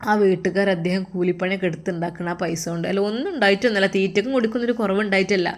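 A woman's voice: mid-range voice, fairly even intonation, very fast. A woman narrating a family story in a chatty, conversational way, with a Malappuram Malayalam accent.

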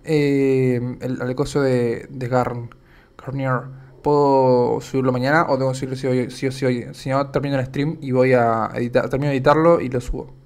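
A man's voice: medium pitch, little pitch movement, moderate pace, darkish tone, clean tone. Chatty Argentine young man streaming. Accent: Argentine Spanish. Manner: chatty, rambling, reads chat aloud. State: worn-out voice. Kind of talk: casual live stream chat reading comments.

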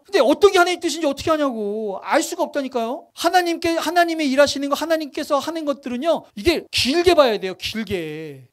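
A male pastor preaching at a Wednesday evening service, conversational and full of questions to his congregation, acting out sample prayers. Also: extremely high pitch. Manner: acts out prayers in quoted voices.

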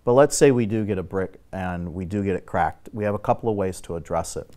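On a studio talk show set, a middle-aged man appears as an expert on building exteriors, explaining repairs in a steady, technical, instructive manner. His voice is deep and his delivery a little fast.

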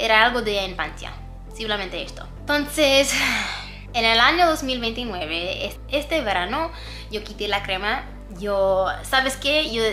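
A woman's voice: mid-range voice, pushed and bright. A young woman vlogger telling a candid personal story, mixing in English words. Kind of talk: storytime narration.

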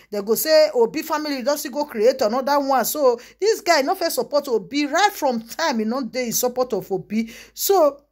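A woman with a Nigerian Pidgin accent talks straight to her viewers, spilling gossip with loud exclamations and repeated asides. Her voice sits a little high for a woman. She keeps calling back to her audience as she goes. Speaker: vlogger. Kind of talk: casual gossip commentary.

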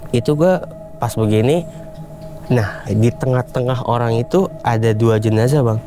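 A man's voice: medium pitch, moderate pace, over music. A young man, telling a tale on a casual talk show and acting out the voices of the people in it. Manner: animated retelling in casual Jakarta slang, acts out quoted voices. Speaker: guest storyteller. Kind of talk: casual storytelling.

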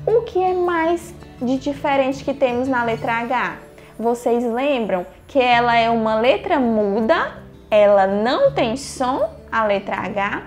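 Slow sing-song woman teaching children. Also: fairly high pitch. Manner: gentle, encouraging, asks questions and answers them herself. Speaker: primary school teacher.

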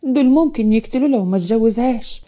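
A woman's voice: fairly high pitch, expressive, quick pace, warm tone. A woman with an Egyptian accent voicing a fearful village mother who pleads for her son. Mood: pleading. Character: frightened middle-aged village mother.

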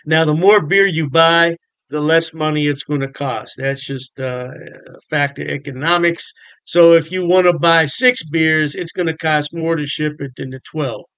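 A man's voice: on the high side, measured pace, fairly bright tone, clean tone, dry recording, poor audio. An older American man chatting to the camera about beer from his home bar room, folksy and enthusiastic. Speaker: beer vlogger. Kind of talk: casual talk to camera.

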